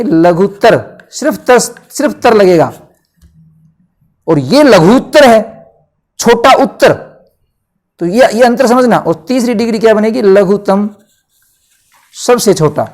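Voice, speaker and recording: A man teaching a Hindi grammar lesson, explaining slowly and asking and answering his own questions. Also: high voice, darkish tone.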